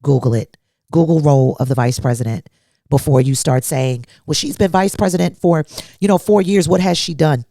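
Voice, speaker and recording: A woman hosts a solo talk podcast, blunt and emphatic, posing rhetorical questions while sounding a little congested from allergies. Her voice is deep and mellow at a normal speed, captured in a dry, studio-quality recording.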